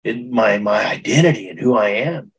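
A man's voice: lowish voice, lively intonation, moderate pace, breathy edge, low-quality recording. A middle-aged man recounting a personal testimony in an interview, earnest and emotional, often restarting his sentences. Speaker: guest.

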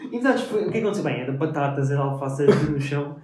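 A young man tells his friends a rowdy story at a rapid clip, laughing and swearing as he goes. His voice sits a little high. The room around him is echoey. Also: noisy background. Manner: animated, laughing, swears freely. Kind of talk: casual chat. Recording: roomy echo.

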